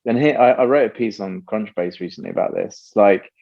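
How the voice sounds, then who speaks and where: A male company founder speaking as an interview guest, animated and tangential, often laughing as he talks. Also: fairly low pitch, fairly quick, creaky. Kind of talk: casual interview conversation. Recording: dull lo-fi remote audio.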